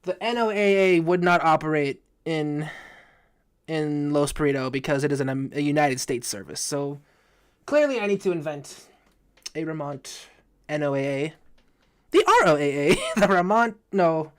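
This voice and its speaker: A man's voice: on the high side, normal speed, clean tone. Drunk man rambling on a live stream. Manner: rambling, swearing, stumbling over words. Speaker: live streamer reacting to a video. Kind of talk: casual live reaction commentary. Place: his own room.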